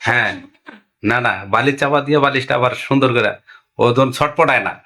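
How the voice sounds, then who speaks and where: A man's voice: medium pitch, brisk, bright, forceful tone. A man playing a scheming young lover. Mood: conspiratorial. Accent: Bangladeshi. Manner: conspiratorial, coaxing. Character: scheming young male lover plotting murder. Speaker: wife's lover. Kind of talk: amateur drama acting.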